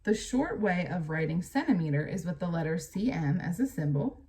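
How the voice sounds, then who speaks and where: With lively intonation and a warm tone, this American teacher reads at normal speed in a slightly low voice. Speaking straight to young pupils, she mixes the text with plain explanatory asides. Slight background noise can be heard.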